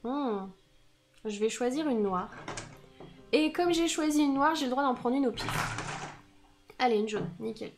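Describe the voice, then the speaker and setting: A woman's voice: high-pitched, animated, a little slow, pauses often, music in the background. A woman with a Franc-comtois accent streaming a board game, laughing often and thinking her moves through aloud. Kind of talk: live board game play with banter.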